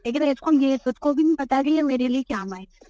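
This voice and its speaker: A woman's voice: high voice, expressive, fast, dark tone, no echo. A woman speaking bluntly and tersely on a recorded phone call, heard through muffled phone audio. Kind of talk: phone conversation.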